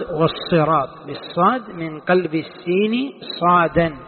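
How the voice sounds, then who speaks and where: Sheikh, a man lecturing and firing questions at students, high voice, phone-like sound. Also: breathy edge. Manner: quizzes the students with rhetorical questions. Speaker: sheikh teaching tafsir. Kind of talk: classroom lesson explaining a classical text. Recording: tinny lo-fi recording with long hall reverb.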